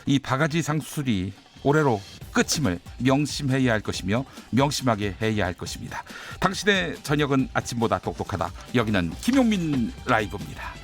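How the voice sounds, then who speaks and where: Lively Korean-radio male host, faint music. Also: medium pitch, moderate pace, hardly any pauses. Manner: indignant editorial delivery. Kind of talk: radio commentary and show opening.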